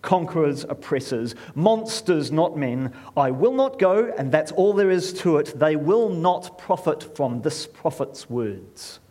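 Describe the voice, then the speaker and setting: Grudging sneering prophet in a spoken story, voiced by a man, sharp and resentful. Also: a little high, sing-song, measured pace, few pauses, pitched above the performer's own voice. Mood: scornful. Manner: scornful, spitting out insults. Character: bitter grudging male prophet, scornful and resentful.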